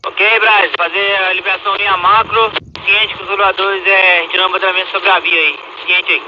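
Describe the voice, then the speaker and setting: A Brazilian man with a high voice talks quickly over a two-way radio. He gives walkie-talkie read-backs in railway procedure, with clear noise on the transmission. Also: little pitch movement, lo-fi sound.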